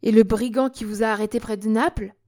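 A woman's voice: fairly high pitch, steady tone, a little fast, warm tone, close to an everyday voice. A woman voicing a brave young working-class man who fires off surprised questions in an audiobook.

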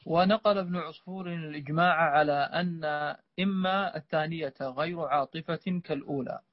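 A man's voice: on the high side, fairly quick, no echo. A man reading a classical text aloud in class, carefully, with small stumbles and fillers. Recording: dull, dry lo-fi recording.

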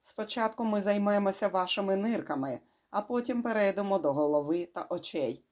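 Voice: mid-range voice, lively intonation, brisk, darkish tone, pitched above the performer's own voice, natural voice. A reader voicing a snarling sadistic gangster boss. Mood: gloating. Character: brutal male gangster boss, sadistic and menacing.

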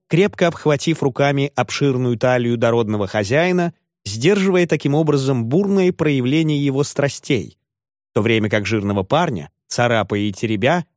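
A man reads a classic novel aloud as audiobook narration, slipping into voices for the characters. His pitch is middling. The sound is dry and close, with no room echo.

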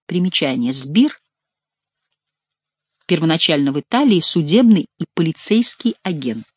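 A woman narrating a novel as an audiobook reader, with a calm, even reading manner. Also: low voice, normal speed, breathy edge, no room sound.

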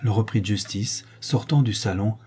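A man narrating a novel in a measured, dramatic reading. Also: fairly low pitch, a little mellow, a little hiss or hum. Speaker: audiobook narrator. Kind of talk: scripted narration.

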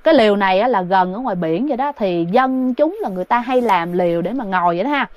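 A woman's voice: mid-range voice, lively intonation, quick pace, a little mellow, dry recording. Chatty woman storyteller. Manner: chatty, addresses listeners directly. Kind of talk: spoken ghost story narration.

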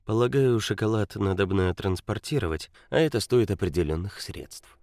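Quiet, courteous mob consigliere, low and dry, probing , read by a male narrator. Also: lively intonation, moderate pace, no echo. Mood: smooth, probing. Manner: quiet, polite, insinuating. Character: cool, calculating male mafia consigliere.

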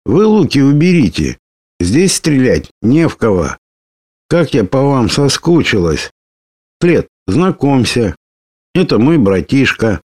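A man voicing a lively, bold young woman warrior who talks brashly and teases. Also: mid-range voice, slow, no echo, clean studio sound, voice pushed up. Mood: cheerful. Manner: brash, teasing, excitable.

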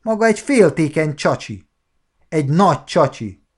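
A man's voice: fairly high pitch, very animated, slightly rough, voice pushed up. Man playing a young husband, jealous, haughty, lecturing, audiobook reading. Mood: condescending.

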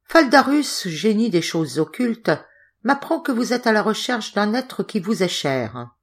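A woman's voice: mid-range voice, big pitch swings, breathy edge, heavily acted. A woman voicing a grave, theatrical fortune-teller. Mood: mystical. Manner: grave, oracular, counting cards slowly.

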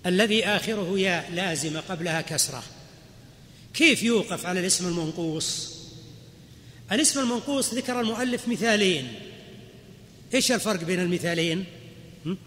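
High bright sheikh lecturing. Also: male voice. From Saudi Arabia. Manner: explains step by step, quizzing the class with quick questions. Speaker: sheikh teaching Arabic grammar. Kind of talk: classroom lecture. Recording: reverberant hall, faint background noise.

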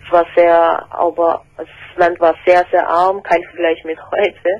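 A woman's voice: on the low side, monotone, a little slow. A 29-year-old woman from Korea calling in to a radio show, speaking hesitantly and searching for words. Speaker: caller. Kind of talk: phone-in call. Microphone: telephone. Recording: dull lo-fi phone line.

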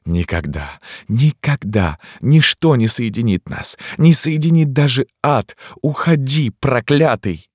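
A man with a deep voice reading an audiobook and voicing a proud, furious young woman prisoner who swings from icy coldness to screaming rage. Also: animated, moderate pace, hardly any pauses, darkish tone, no room sound, clean studio sound, lightly acted. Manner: cold, then screaming in rage.

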